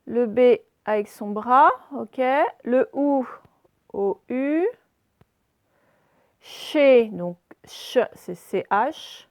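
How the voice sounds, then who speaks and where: With a fairly high voice, extremely slow pacing and frequent pauses, a female primary teacher dictates and writes during a remote class for young children. She patiently spells out letters and explains every step. The recording is clean studio sound with no room sound.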